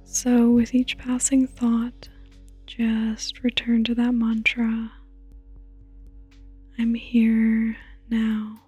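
Soft whispery woman guiding sleep meditation, very slow. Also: on the high side, monotone, husky, no room sound. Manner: slow, soothing, gentle, with long pauses. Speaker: guided meditation host and sleep narrator. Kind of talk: whispered guided sleep meditation, like a sleep story narrator. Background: rain sounds and faint music.

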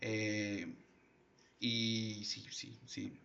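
A man's voice: on the low side, monotone, very slow, creaky, bright, forceful tone, dull audio. A Mexican man co-hosting a casual, slangy chat, joking and swearing freely. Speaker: podcast co-host.

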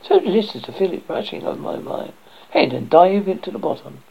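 A reader voicing a meek, wistful young duckling, earnest and pleading, in a gravelly husky voice. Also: medium pitch, big pitch swings, fairly quick, highs cut off, pitched above the performer's own voice, full character voice.

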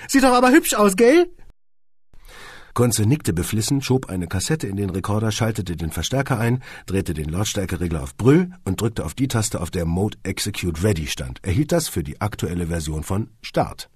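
Husky, wry male audiobook narrator. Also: deep voice, lively intonation, normal speed, hardly any pauses, darkish tone, dry recording. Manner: wry, dry humour, speaks to the listener directly.

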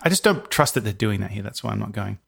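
A man's voice: fairly low pitch, expressive, fast talker, vocal fry, a bit bright. A man co-hosting a podcast, chatting casually in a blunt, sweary way. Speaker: podcast co-host. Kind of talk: casual chat.

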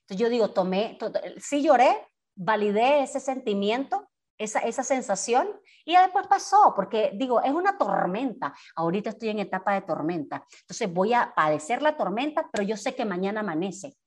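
A woman's voice: fairly high pitch, normal speed. A woman, a guest in an interview, talking earnestly and animatedly about her own experience. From Nicaragua. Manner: earnest, animated storytelling with self-talk asides. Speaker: guest, communicator and singer-songwriter. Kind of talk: candid personal interview.

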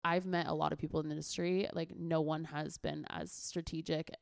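A woman's voice: deep voice, flat delivery, a little fast, vocal fry, no room sound, clean studio sound. A woman hosting a podcast, chatting with a friend in an eager, casual way. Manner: enthusiastic, chatty. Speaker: podcast host. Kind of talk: casual interview chat.

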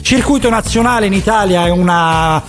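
A man's voice: high-pitched, moderate pace, faint music behind. A man hosting a radio show in a casual, chatty style. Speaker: radio host.

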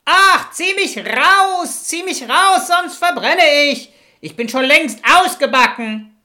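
A woman voicing a loaf of bread in an oven, crying out in shrill pleas. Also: expressive, takes it slowly, pushed and bright, heavily acted. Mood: pleading. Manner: shrill pleading cries.

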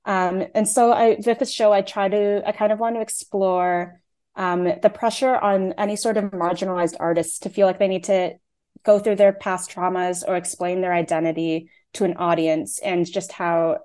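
A young Canadian woman in her twenties, a playwright and actor, chats through interview answers with frequent "um" and "like" fillers. Her mid-range voice has a darkish tone, little pitch movement, and a moderate pace.

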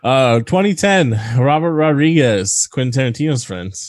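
A man's voice: medium pitch, big pitch swings, normal speed, dry recording, clean studio sound. A man co-hosting a casual movie podcast, crude and joking, rambling with fillers. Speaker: podcast co-host.

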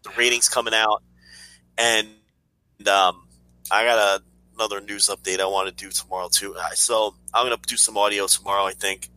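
A tired man with a worn, hoarse voice in casual podcast banter, foul-mouthed and griping, repeating phrases for emphasis. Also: on the low side, flat delivery, moderate pace, pushed and bright, poor audio. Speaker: podcast co-host.

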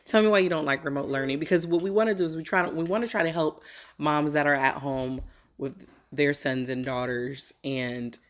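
A woman's voice: low-pitched, brisk. A woman in her thirties, a mother hosting a parenting video, chatting casually and playfully, teasing and laughing often. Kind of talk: casual family chat.

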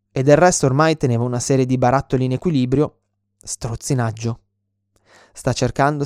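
A man's voice: mid-range voice, mellow, no echo. Earnest male instructor, explanatory delivery, close dry mic. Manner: earnest, frequent restarts and "ok?" check-ins. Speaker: self-defense instructor. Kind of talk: explanatory spoken lesson.

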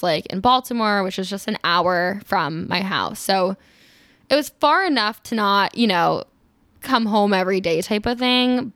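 A woman's voice: mid-range voice, fairly bright tone, dry recording, clean studio sound. A woman in her twenties from Maryland, rambling through her life story in a casual chat, full of fillers and restarts. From Maryland, USA. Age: 20s. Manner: rambling, many fillers and restarts, laughs easily.

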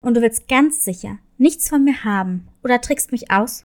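Woman putting on a grumpy gruff wolf. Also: on the high side, moderate pace, voice pushed down, natural voice. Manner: gruff, growling, gets loud. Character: grumpy gruff male wolf, trapped, suspicious. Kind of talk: storybook reading.

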